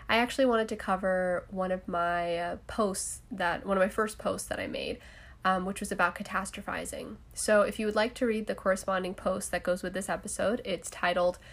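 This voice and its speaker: A young adult woman hosting a solo podcast in a casual, chatty way, with frequent laughs and fillers. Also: mid-range voice. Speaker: podcast host.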